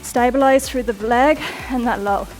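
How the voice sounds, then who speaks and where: Faint music plays under a young woman leading a workout at a normal speed, her coaching upbeat as she counts down sets and talks through the reps. Her voice sits a little high and grows breathless at times; she's a fitness instructor.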